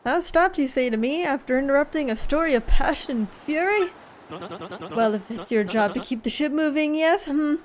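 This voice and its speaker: A woman's voice: high-pitched, lively intonation, normal speed. A woman voicing a boastful, theatrical man in a game, with a pompous manner and a shifting put-on accent while reading the dialogue aloud. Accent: wavering put-on accent. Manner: pompous, dramatic storytelling. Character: boastful theatrical male pirate-like captain.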